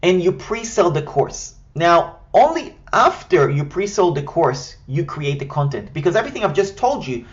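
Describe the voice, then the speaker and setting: A native Hebrew speaker from Israel, this high-pitched man gives a scripted, structured and direct tutorial on building an online course one step at a time. He has an Israeli accent, and the sound is lo-fi.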